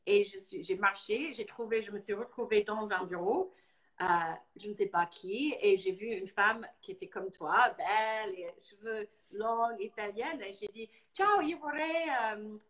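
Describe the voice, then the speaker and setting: A woman from Boston with an American English accent, talking casually as a guest and telling stories in lively fashion, slipping into English now and then. English is her first language. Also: mid-range voice, a little slow, rough recording. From Boston, United States. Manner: animated storyteller, mixing in English words. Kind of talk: casual live talk.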